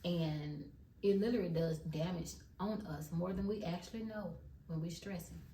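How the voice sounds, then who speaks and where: A woman's voice: lowish voice, moderate pace, mellow, a little hiss or hum. A woman, sharing an emphatic faith testimony to viewers in a casual vlog. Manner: emphatic, addresses viewers as y'all. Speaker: vlogger. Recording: echoey room, voice from far off.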